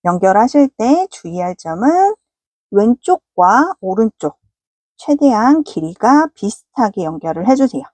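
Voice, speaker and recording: A woman walks viewers through a crochet project in a patient, polite teaching voice. Her pitch sits a little high and moves a lot as she explains. The sound is dry and close. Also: sing-song, unhurried, warm tone, dry recording. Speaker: crochet instructor. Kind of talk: step-by-step crafting tutorial.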